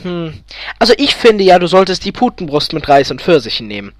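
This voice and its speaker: Guy putting on a shrill bossy old wife voice, hissy and snippy, super high. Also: very animated, brisk, no room sound. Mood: bossy nagging. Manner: hissing, bossy, scolding. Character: shrill, snobbish, nagging older wife.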